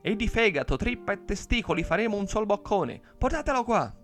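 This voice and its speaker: A man voicing a horde of ravenous demons, shouting greedily and menacingly. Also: fairly high pitch, normal speed, faint music behind, natural voice. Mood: greedy gloating.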